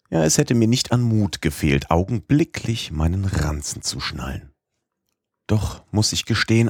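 A male audiobook narrator with a very deep, husky voice. He reads a classic novel in a measured, even way. The sound is dry and close. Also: dry recording. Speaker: audiobook reader. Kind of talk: scripted narration.

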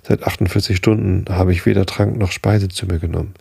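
A man's voice: low-pitched, fairly even intonation, fairly quick, gravelly, a little mellow, breathy edge, dry recording, clean studio sound, heavily acted. A man voicing a grim, determined young frontier hunter in a storybook reading, speaking firmly and urgently. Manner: firm, urgent.

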